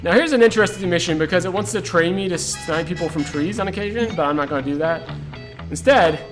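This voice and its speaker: Speaking quickly in a high voice, a man delivers loose live commentary on his speedrun, full of "like" and "uh" fillers, and laughs at himself between points. Game music and sound effects fill the background.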